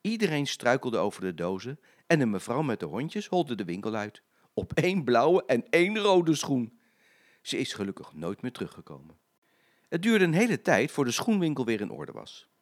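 An older man, a grandfather, reading a children's story aloud in an expressive, sing-song way. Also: mid-range voice, moderate pace.

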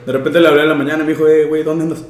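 A young man with a Mexican accent, relaxed and slangy, telling a story in a casual podcast chat. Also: on the high side, racing. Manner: relaxed, slangy, recounts with quoted dialogue. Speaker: podcast co-host. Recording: roomy echo.

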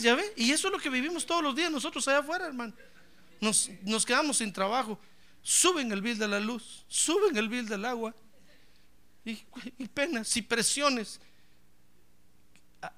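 Fervent high-voiced preacher. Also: male voice. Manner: fervent, joking, bursts into shouted praise, keeps calling the listener brother. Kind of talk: lively sermon.

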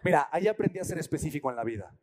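A man telling a story to an audience, animated and acting out the voices of the people in it. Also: fairly high pitch, rapid-fire. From Mexico. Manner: animated, acts out voices and quotes.

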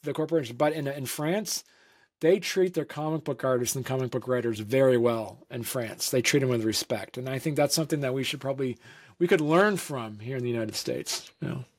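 A man's voice: medium pitch, brisk. A man from Vermont, a comic creator, answering interview questions in a rambling casual way, with many fillers and restarts.

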